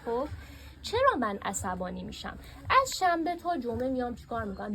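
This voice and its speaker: A woman teaching a workshop class in a classroom, lively and asking her students questions. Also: a little high, slight background noise.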